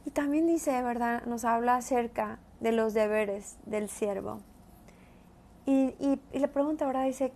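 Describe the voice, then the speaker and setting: Woman with a gravelly, mellow voice. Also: fairly high pitch. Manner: conversational, frequent tag questions. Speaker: Bible teacher. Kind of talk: devotional Bible teaching.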